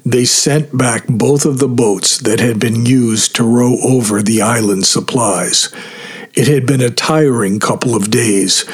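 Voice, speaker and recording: A man reading a story aloud as narrator in a steady storytelling manner, voicing the characters lightly. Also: medium pitch, slightly rough. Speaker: audiobook narrator. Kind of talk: scripted narration.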